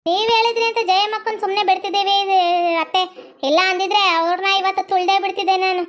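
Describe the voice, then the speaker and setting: A woman's voice: very high voice, level tone, quick pace, a bit bright. A woman voicing a whiny, melodramatic young bride. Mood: threatening. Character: young new bride Sweety, whiny and dramatic.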